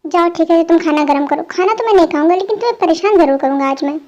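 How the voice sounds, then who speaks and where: A woman's voice: very high voice, fast, darkish tone, faint music behind. A woman voicing a sulking young husband who keeps refusing dinner, in a fan dub drama, with a whiny, stubborn manner. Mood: teasing.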